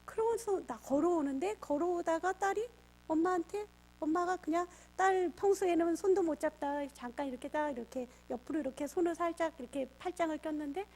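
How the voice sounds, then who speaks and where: A middle-aged woman with a high voice delivers a parenting lecture as a pastor. She tells stories in a lively way and plays out the back-and-forth between parent and child herself. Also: fairly quick. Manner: lively storyteller acting out quoted family dialogue. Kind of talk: storytelling lecture for parents and teachers.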